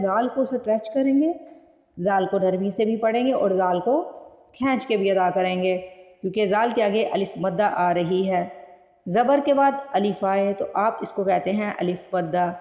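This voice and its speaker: A woman teaching Quran recitation word by word. She draws each word out slowly and then explains it in plain speech. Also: medium pitch, warm tone. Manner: slow drawn-out recitation between plain explanations. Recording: echoey room with long reverb.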